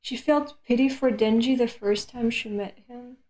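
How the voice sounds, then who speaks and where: A woman's voice: fairly high pitch, steady tone, normal speed, warm tone. A woman in her late twenties chatting casually on a live stream between comic readings, candid and self-deprecating, with casual swearing. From Europe. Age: late 20s.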